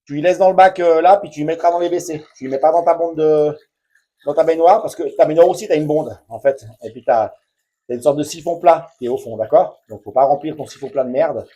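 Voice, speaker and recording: A man's voice: fairly high pitch, a little fast, mellow. A man talking casually and bluntly to the viewer while demonstrating a repair in his home bathroom. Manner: blunt, slangy, chatty, addresses viewer directly. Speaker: DIY home repair vlogger.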